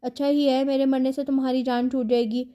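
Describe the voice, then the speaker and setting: A woman's voice: high-pitched, flat delivery, dark tone, natural voice. A woman voicing a remorseful young husband who begs forgiveness, in a novel read aloud. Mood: bitter. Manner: self-pitying, pleading.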